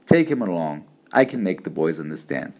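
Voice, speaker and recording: A man's voice: deep voice, sing-song, fairly quick, darkish tone. A man reading an audiobook, voicing a worried, firm frontier mother in a raised voice. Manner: urgent, firm.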